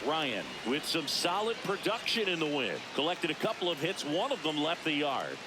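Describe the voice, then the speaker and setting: A man calling a baseball video game play-by-play with lively calls on each play. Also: fairly high pitch, moderate pace. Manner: lively, rising calls on plays. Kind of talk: scripted sports commentary. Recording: game audio with loud stadium noise.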